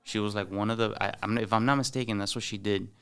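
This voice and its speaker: Speaking fast in a lowish, gravelly yet fairly bright voice that's clear, resonant, and steady, a young man from Miami chats as a podcast guest. His Miami Cuban-American English is loose and slangy, full of Spanish words, "like"s, and "bro"s.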